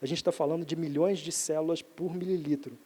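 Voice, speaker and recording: Professor with a mellow voice. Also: male voice, fairly high pitch, fairly even intonation, a little fast, breathy edge. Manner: explanatory, frequent "né?" tag questions, some restarts. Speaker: professor and panel speaker. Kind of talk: technical talk on lake pollution. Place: seminar auditorium.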